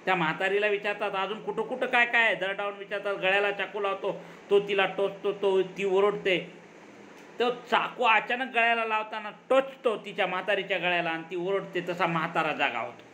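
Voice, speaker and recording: Guy teacher retelling a story in class, high bright voice, a bit of hiss behind. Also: a little fast. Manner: animated storyteller who repeats and explains. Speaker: college Marathi teacher. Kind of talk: lecture retelling a story dialogue.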